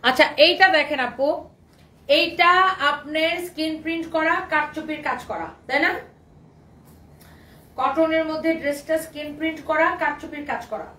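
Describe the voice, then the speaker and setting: A high-pitched, hoarse woman from Bangladesh runs a live sales stream, coaxing buyers and saying the same things over and over. She stands a little back from the mic in a roomy shop with faint noise behind her. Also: normal speed, pauses often, bright, forceful tone. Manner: repetitive, coaxing, mixes English phrases. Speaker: online clothing seller. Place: clothing shop. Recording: roomy, slightly distant, faint background noise.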